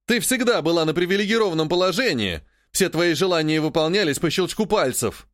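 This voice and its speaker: A male audiobook reader playing an irritated young nobleman who shouts and barks at his sister. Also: fairly high pitch, expressive, a little fast, no room sound, studio quality. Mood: scornful. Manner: shouting, barking, scornful. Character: irritated young nobleman, bullying older brother.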